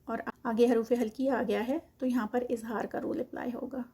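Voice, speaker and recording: A woman teaching Quran recitation, reciting verses slowly and drawn out, then explaining the rules quickly. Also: a little high, level tone, warm tone, breathy edge. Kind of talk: tajweed lesson with slow recitation.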